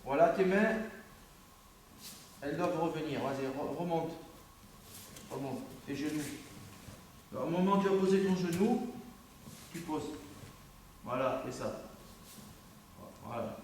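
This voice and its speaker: A French-accented judo instructor coaches a student on the mat in an indoor dojo, correcting him, repeating himself, and breaking off mid-phrase. His voice is on the high side and a little mellow, slow with frequent pauses, captured by a camera across a very echoey room from far off, with a little hiss or hum.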